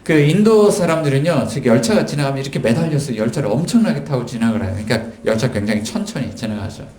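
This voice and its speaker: A man preaching a sermon as pastor, telling stories and acting out quoted lines with sudden jumps in pitch. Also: a little mellow. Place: church sanctuary. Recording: echoey church hall.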